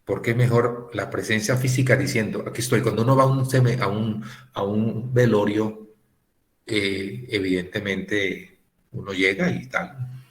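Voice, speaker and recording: Animated man lecturing a class. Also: fairly low pitch. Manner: animated, rhetorical questions, acts out quoted remarks. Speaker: ministry course instructor.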